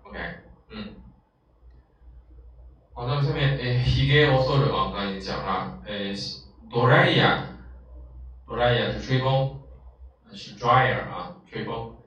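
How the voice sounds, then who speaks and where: A Japanese language teacher patiently explains a vocabulary lesson in an unhurried, fairly bright, medium-pitched voice, with long pauses and many filler sounds. The lo-fi recording sounds echoey, distant and dull, as if made in a room.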